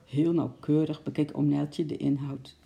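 A narrator reading a children's story aloud at a steady storytelling pace. The voice is gravelly and very dark. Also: medium pitch, moderate pace.

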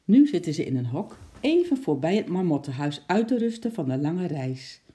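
A woman's voice: on the low side, very animated, moderate pace, dark tone. A woman reading aloud, voicing a cheerful uncle who works at a zoo and explains things in a jolly, friendly way.

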